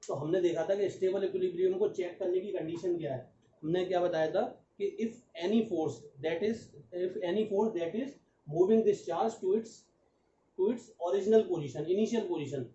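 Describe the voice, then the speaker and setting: A man's voice: high voice, warm tone. Echoey distant physics teacher, man. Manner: step-by-step explaining, asking rhetorical questions to students; mixes English phrases into Hindi. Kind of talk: exam-prep lecture. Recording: echoey, distant, muffled lo-fi audio with faint background noise.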